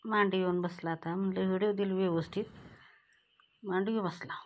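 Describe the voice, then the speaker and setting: A woman's voice: medium pitch, fairly even intonation, fairly quick. A woman, scolding and cooing at her cats in a casual home video. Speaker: cat owner vlogger. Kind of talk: casual talk to pet cats.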